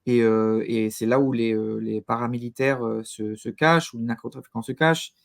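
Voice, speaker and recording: A man guesting in an interview speaks in a gravelly voice at a middling pitch, keeping a steady tone. His conversational delivery stalls at times, with repeated words as he gropes for the right phrase.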